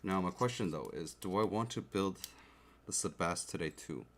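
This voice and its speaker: A man livestreams himself building a keyboard, chatting easily and checking in with viewers in a low, slightly bright voice at a moderate pace. His desk mic sits close to the keyboard, picking up a little hiss or hum and faint clicks and typing.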